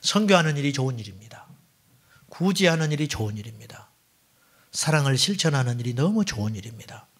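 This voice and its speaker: Lively Korean pastor preaching. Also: male voice, mid-range voice, brisk, husky. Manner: preaching, rhetorical questions to the congregation; swings between loud exclamations and near-whispered asides. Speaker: senior pastor. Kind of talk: Friday night sermon.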